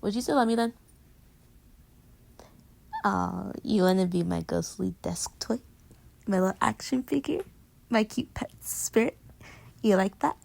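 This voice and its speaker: This low-quality recording features a woman's unhurried, gravelly, slightly mellow voice at medium pitch, with frequent pauses. She plays a teasing, affectionate young girlfriend in intimate pillow talk, clingy and playful as she rambles between murmurs and exclamations. Her mood starts animated and mock-indignant, then turns teasing and hushed.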